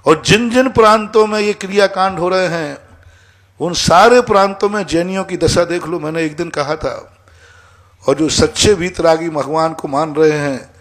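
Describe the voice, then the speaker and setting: Male monk, sermon with stories, emphatic scolding delivery, higher-pitched voice. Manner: scolding, emphatic, acts out dialogue. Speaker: Jain monk answering questions. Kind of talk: sermon with storytelling.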